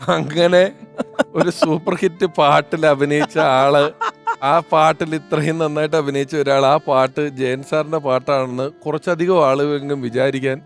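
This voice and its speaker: A man's voice: on the high side, steady tone, a little slow, soft background music. A man hosting a chat show who asks questions and gives formal, flowing introductions of his guests. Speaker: host.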